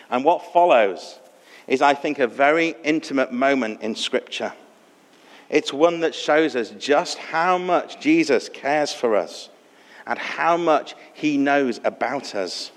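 A man gives an Easter sermon, speaking with earnest, reflective storytelling. His voice sits a little high for a man. The sound carries a long reverb, as in a church hall. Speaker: preacher.

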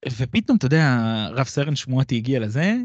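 A man in his thirties co-hosting a podcast, telling a personal story in lively bursts that jump up and down in pitch. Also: slightly rough, dry recording. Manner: animated storyteller with wide pitch swings. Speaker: podcast co-host. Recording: dry, slightly dull sound.

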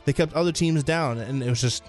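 A man's voice: fairly high pitch, fairly quick, faint music behind. A man co-hosting a casual sports podcast, arguing his pick emphatically and saying "like" a lot. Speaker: podcast co-host.

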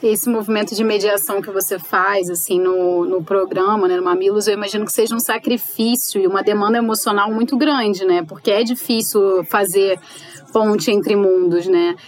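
A woman asks an interview guest questions at a measured pace. Her voice sits at a middle pitch, and she keeps checking that the guest agrees with her. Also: fairly even intonation.

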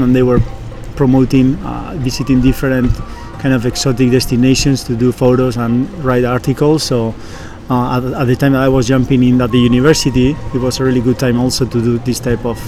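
A man with a Basque accent answering interview questions conversationally, with halting, searching phrasing. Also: mid-range voice, level tone, a little mellow, faint music behind. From Basque Country, Spain. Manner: hesitant, halting phrasing with frequent searching pauses. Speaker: professional surfer and engineer, interview guest.

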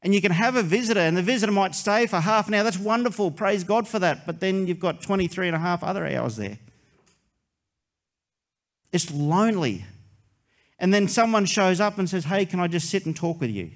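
A man, a pastor preaching a sermon in an earnest way, with long pauses and soft dramatic drops. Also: high voice, expressive.

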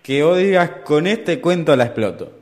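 A man's voice: on the high side, expressive, moderate pace, darkish tone. A man with an Argentine Spanish accent hosting a radio interview, encouraging his guest and laughing easily. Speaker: radio host. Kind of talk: casual interview.

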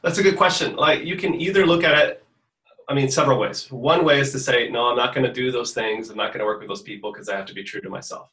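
Earnest man with a bright, roomy voice. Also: mid-range voice, fast, far from the mic. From born in the US, raised in Portugal from fifteen. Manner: earnest, thinks aloud with restarts. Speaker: musician guest. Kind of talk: reflective interview answers. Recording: roomy echo.

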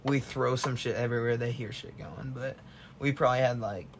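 A man's voice: mid-range voice, a little fast, gravelly, a little hiss or hum. A young man co-hosting a podcast, casually recounting a college story and swearing freely. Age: young adult. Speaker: podcast co-host. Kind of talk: casual chat.

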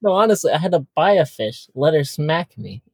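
A married man co-hosting a casual podcast, talking slowly and giggling at himself. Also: on the high side, sing-song, breathy edge, no room sound. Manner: slow, giggly, self-mocking. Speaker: podcast co-host. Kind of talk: casual chat.

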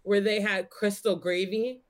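A woman in her forties, chatting casually on a livestream show. She talks in a lively, storytelling way, mid-range in pitch. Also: a little slow. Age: 40s. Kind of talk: casual chat.

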